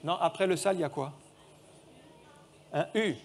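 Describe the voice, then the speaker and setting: A man's voice: sits high, normal speed. A man preaching a sermon in a church, reading scripture aloud and quizzing the children with a picture puzzle.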